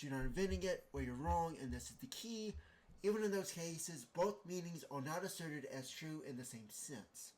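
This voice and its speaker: A man hosting a podcast, rambling and self-interrupting in an exasperated casual monologue while reading text aloud. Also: fairly high pitch. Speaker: podcast host.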